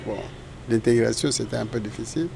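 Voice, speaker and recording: A man's voice: mid-range voice, fast talker, vocal fry, crowd noise. An older man from Congo, a guest in an interview, telling his story in a rambling way and often correcting himself. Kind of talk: casual interview recollection.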